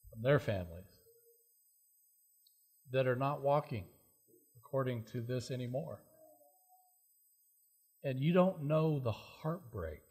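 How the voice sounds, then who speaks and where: A man preaching a sermon, earnest and plain-spoken, with fillers, who swells louder and higher to stress points. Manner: earnest, loud rising emphasis with many fillers.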